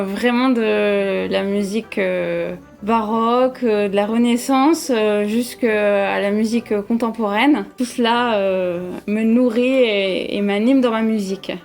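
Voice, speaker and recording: A woman, a pianist and vocal coach, speaking thoughtfully and hesitantly with many fillers in an interview. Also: fairly high pitch.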